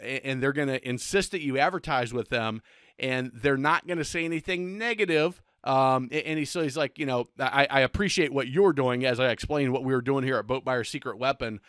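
A man's voice: medium pitch, a little fast, fairly bright tone, clean tone, dry recording, clean studio sound. A man in his forties, a boating channel host, giving a casual rundown of products to camera with lots of ums and restarts. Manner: chatty, frequent ums and restarts. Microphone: desk microphone on camera.

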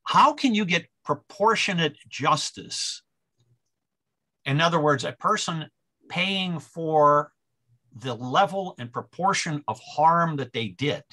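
Bright-voiced older man explaining views. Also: on the high side, animated. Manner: measured, explanatory, frequent throat clearing. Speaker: author guest. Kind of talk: conversational interview answer.

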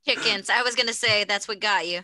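Bright-voiced young woman chatting casually. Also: medium pitch, fairly quick, slight background noise. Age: young adult. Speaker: film podcast panelist. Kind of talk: casual chat. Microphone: headset on a video call.

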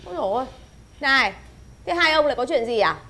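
An actress playing an excitable, nosy wife with shrill exclamations. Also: female voice, fast, full character voice. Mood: agitated. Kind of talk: comedy sketch acting.

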